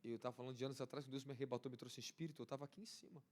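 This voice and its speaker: Man, Brazilian accent, charismatic preacher, fervent, repeats himself, climbs to excited highs. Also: racing. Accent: Brazilian Portuguese. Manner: fervent, repetitive, rising to excited peaks. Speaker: apostle preaching. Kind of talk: charismatic sermon.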